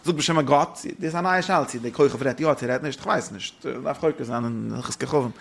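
A man's voice: mid-range voice, fast talker, vocal fry, husky. A man in a religious law study session who argues his point insistently and pushes back on his partner. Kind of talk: religious text study discussion.

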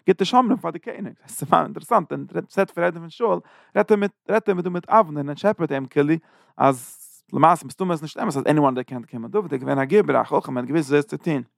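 A man giving an informal Bible lesson, retelling the story in loose, halting phrases. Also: on the high side, creaky, no echo, studio quality. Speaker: Bible teacher.

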